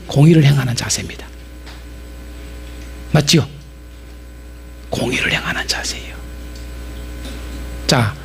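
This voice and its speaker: A middle-aged man preaching a lively sermon-lecture in a church, animated and jumping between quiet asides and loud acted-out outbursts. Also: on the high side, creaky, slightly rough. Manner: animated, acts out market sellers with sudden loud outbursts. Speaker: pastor and Bible lecturer.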